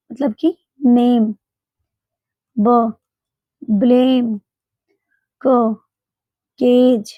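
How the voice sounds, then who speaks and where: A woman teaching English pronunciation in a spoken English lesson, explaining slowly and repeating example words. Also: high-pitched, mellow, breathy edge, dry recording. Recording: dull, dry, lo-fi home recording.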